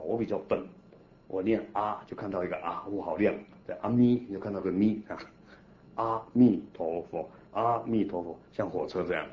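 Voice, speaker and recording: A deep-voiced man, a Buddhist monk, teaches a class in an animated, coaxing manner and guides the group through slow, steady chanting. The recording is dull and lo-fi, with a faint hiss behind his voice.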